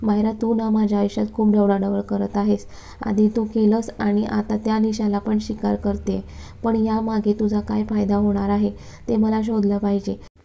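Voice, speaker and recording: A hot-tempered young businessman from a storybook love story, curt and commanding, read by a woman narrator. The tone is dark and soft-edged. The delivery stays flat and level. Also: mid-range voice, normal speed, gravelly, lightly acted. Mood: angry. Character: stern young male businessman, short-tempered. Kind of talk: storybook reading.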